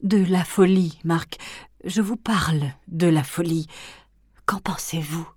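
A woman voicing a cold, menacing elderly aristocratic grandmother in an audiobook, speaking in hushed, often whispered tones that swell into threats. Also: lowish voice, slow pace, breathy edge, dry recording, clean studio sound. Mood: icy whisper. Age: older. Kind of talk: audiobook character reading.

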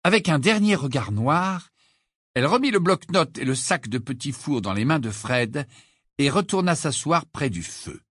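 A man's voice: fairly high pitch, moderate pace, husky, no room sound, studio quality. A man narrating an audiobook expressively, acting out the characters. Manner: lively storytelling, acts out characters. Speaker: audiobook reader.

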